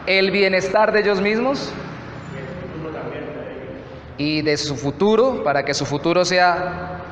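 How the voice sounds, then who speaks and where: A man with a Colombian Spanish accent, a pastor preaching a sermon, reading scripture slowly and deliberately. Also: high voice, a bit bright, a little hiss or hum. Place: church hall. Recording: echoey church hall, faint ambience.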